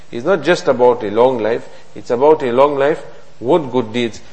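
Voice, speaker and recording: Over poor audio, a man's mid-range voice teaches hadith. He preaches with earnest repetition, asks rhetorical questions, and rattles off Arabic recitation quickly.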